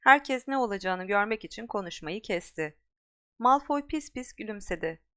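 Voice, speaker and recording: A woman's voice: mid-range voice, expressive, normal speed, sharp tone. A woman reading an audiobook as a narrator, telling the story expressively. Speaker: audiobook reader.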